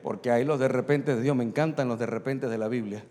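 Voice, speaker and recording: In a large hall with long reverb, a middle-aged pastor preaches a sermon at a quick pace. His voice is mid-range and warm as he voices Bible characters in different tones and calls on the congregation to repeat after him.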